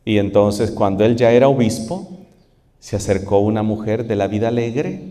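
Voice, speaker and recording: A man's voice: fairly low pitch, normal speed, mellow, big-room sound. A man preaching a sermon as a priest, emphatic and repetitive.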